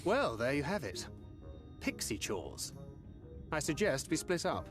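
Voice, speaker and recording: A man voicing a calm, level-headed companion character in a video game, speaking in a measured way. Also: a little high, heavily acted. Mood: dry. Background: game music.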